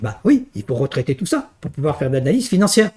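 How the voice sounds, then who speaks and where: Speaking fast with big swings in his fairly high pitch, a male university lecturer delivers a technical finance lesson in a darkish tone. His style is didactic and emphatic, peppered with small tag questions, and there's slight background noise.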